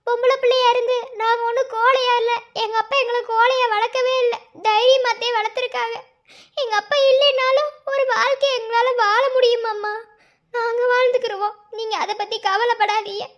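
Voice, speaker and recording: A woman's voice: very high-pitched, little pitch movement, fairly quick, fairly bright tone, dull audio. A woman voicing a brave young daughter in a cartoon, speaking steadily and earnestly with a Madurai Tamil accent. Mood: firm. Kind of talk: cartoon voice acting.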